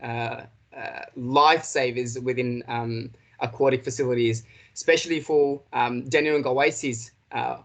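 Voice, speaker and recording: A man's voice: mid-range voice, fairly bright tone. Hesitant male presenter, full of fillers. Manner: hesitant, many fillers and restarts. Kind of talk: professional development talk.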